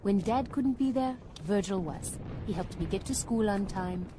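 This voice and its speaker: An actress playing a plucky young woman in danger in an audio drama, expressive in delivery. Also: mid-range voice, moderate pace, background noise, close to an everyday voice. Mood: calm, confiding. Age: young adult. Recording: loud music behind the voice.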